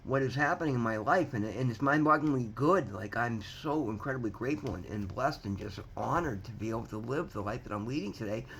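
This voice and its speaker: A man's voice: medium pitch, animated, fairly quick, vocal fry, few pauses, a bit bright, slight background noise, low-quality recording. A man in his fifties giving an earnest, rambling motivational talk to his viewers, often restarting sentences and repeating words as he goes. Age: 50s. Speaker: vlogger sharing recovery story. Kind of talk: casual motivational talk to camera.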